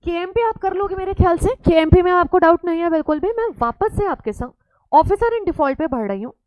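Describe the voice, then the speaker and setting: A woman's voice: very high voice, lively intonation, fairly quick, darkish tone, no room sound. A woman teacher giving a classroom lecture, teasing and playfully scolding her students as she mixes Hindi with English.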